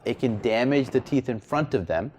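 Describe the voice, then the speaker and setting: Male surgeon, average pitch, explanatory interview delivery, light background noise. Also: normal speed, muffled recording. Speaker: oral surgeon being interviewed. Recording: steady background ambient noise.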